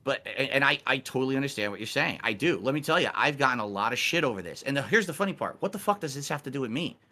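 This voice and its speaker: Streamer host, man, 40s, bright voice, defensive and emphatic, swears freely. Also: mid-range voice, animated, fast talker. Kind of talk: heated call-in debate.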